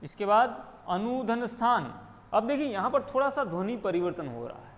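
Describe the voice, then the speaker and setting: A man's voice: high-pitched, lively intonation, normal speed, in a large hall. A man with a Rajasthani accent teaching a grammar lesson, explaining step by step and asking and answering his own questions.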